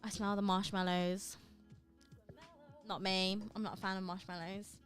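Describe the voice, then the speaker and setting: A woman's voice: mid-range voice, flat delivery, measured pace, soft background music. A woman co-hosting a casual livestream chat and reading out viewer questions, rambling with fillers and restarts. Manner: chatty, with many fillers and restarts. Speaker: livestream co-host.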